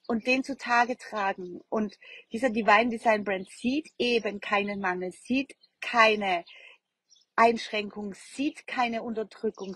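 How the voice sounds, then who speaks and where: A woman speaks as a manifestation coach in an insistent, repetitive motivational talk, dropping English buzzwords along the way. Her voice sits fairly high and has a breathy, slightly husky edge. The sound is dry and close, with almost no room. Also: fairly bright tone, no echo.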